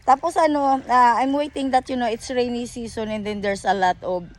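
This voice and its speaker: Vlogging beside a river, a woman with a Filipino accent talks at normal speed in a fairly high voice with fairly even intonation. Her casual, chatty rambling blends English and Tagalog and is full of fillers and self-corrections.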